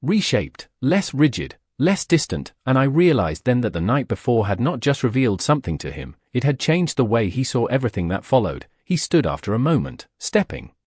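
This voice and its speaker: A man reading a first-person dark romance story in measured, soft-paced scripted narration. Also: mid-range voice, big pitch swings, husky, dry recording, clean studio sound.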